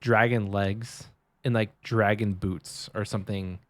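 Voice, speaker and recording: A man's voice: lowish voice, a little slow, no echo. A man co-hosting a podcast, telling a casual story with hesitant ums and restarts. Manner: lively, hesitant, many ums. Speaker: podcast co-host.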